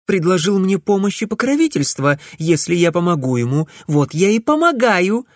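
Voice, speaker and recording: A man's voice: sits high, big pitch swings, moderate pace, no room sound, studio quality, pitched above the performer's own voice. A man voicing a capricious young female witch in an audiobook, coy and sulky by turns.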